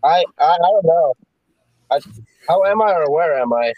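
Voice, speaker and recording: A man's voice: a little high, animated, normal speed. Stammering man on an echoing call. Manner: stammering, confused. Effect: echoed phrase repeats, his voice feeding back on the call. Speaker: guest calling into a live stream. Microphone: video call. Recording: dull muffled call audio.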